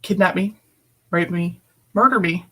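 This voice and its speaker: A woman's voice: fairly low pitch, measured pace, breathy edge. Blunt, emphatic woman guest. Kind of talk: personal storytelling in conversation.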